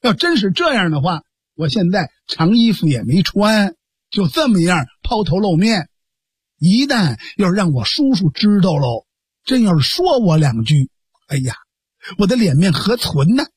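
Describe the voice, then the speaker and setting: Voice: mid-range voice, sing-song, a little slow, slightly rough, dry recording, clean studio sound, full character voice. A storyteller voicing a feisty young swordswoman. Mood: worried. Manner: sharp, scolding. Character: feisty young woman martial artist, scolding.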